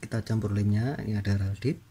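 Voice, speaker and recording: A man hosts a hands-on repair tutorial, speaking fast in brief step-by-step phrases aimed at viewers while he works. His voice is on the low side, mellow and fairly even in intonation, with a little hiss or hum on the recording.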